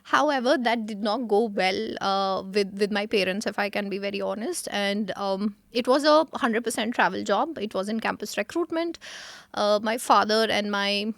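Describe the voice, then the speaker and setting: A woman's voice: medium pitch, normal speed, creaky, dry recording. A woman in her thirties with a polished, educated Indian accent, answering as an interview guest and explaining from experience. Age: 30s. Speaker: interview guest, talent acquisition leader.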